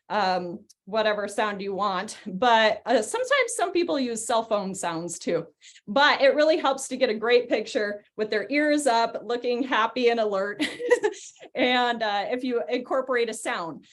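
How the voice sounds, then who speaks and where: A young woman, a dog trainer, explaining stay exercises in a chatty way with frequent giggles, on a video call. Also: on the high side. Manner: chatty, giggly, gives short cues to a dog. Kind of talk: live online training demo.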